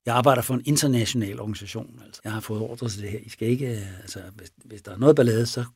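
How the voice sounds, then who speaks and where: A man voicing a calm male hitman who quietly threatens sailors, with a husky voice in a dry recording. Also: mid-range voice, no room sound. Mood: menacing.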